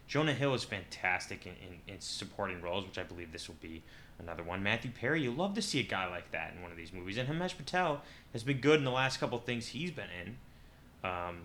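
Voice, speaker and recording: A man's voice: lowish voice, bright, forceful tone. A young man hosting a podcast on his own, chatting casually and rambling, correcting himself as he thinks aloud. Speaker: podcast host. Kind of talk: casual solo podcast chat.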